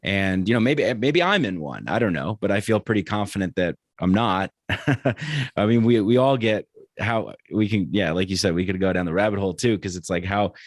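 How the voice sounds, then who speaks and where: A man talking as a podcast guest, relaxed and halting, with many restarts and fillers. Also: on the low side, no room sound. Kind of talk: casual conversation.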